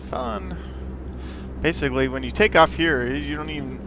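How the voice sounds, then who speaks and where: A man's voice: fairly high pitch, animated, moderate pace, creaky. A man acting as a flight sim pilot on a cockpit headset, making radio calls and talking casually through each step. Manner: casual, thinking aloud, self-correcting. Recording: heavy engine and cockpit noise.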